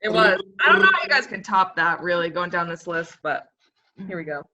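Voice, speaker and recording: A woman's voice: fairly low pitch, big pitch swings, a little fast, very noisy. A woman co-hosting a casual show chat with dry, teasing remarks. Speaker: co-host. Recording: dull lo-fi sound.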